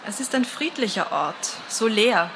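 A woman narrating a first-person story in a calm, measured, atmospheric reading. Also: medium pitch, noisy background.

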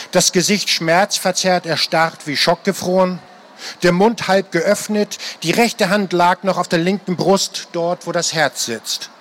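A man's voice: high voice, a bit bright. A man reading an adventure novel aloud to an audience, telling it dramatically. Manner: dramatic storytelling, acting out the characters.

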